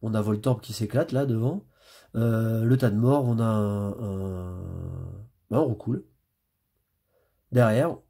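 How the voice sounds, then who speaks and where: Husky man chatting while opening card packs. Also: lowish voice, takes it slowly, pauses often, warm tone. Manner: chatty, mutters card names as he flips. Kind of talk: casual pack-opening commentary.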